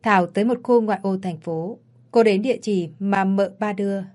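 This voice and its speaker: A woman's voice: mid-range voice, moderate pace, darkish tone. Woman narrating a dramatic story.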